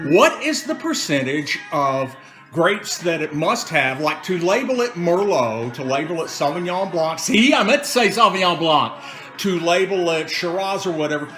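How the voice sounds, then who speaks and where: Animated, bright-voiced man hosting. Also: sits high. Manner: playful, theatrical announcing with digressions. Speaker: host. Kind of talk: casual wine-show presenting. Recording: music behind the voice. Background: music.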